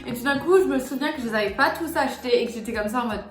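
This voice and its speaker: A young woman with a fairly high voice chats about books in a casual vlog. She is animated, moving between hushed asides and excited outbursts. The room sounds echoey, with faint music under her. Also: very fast. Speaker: booktuber.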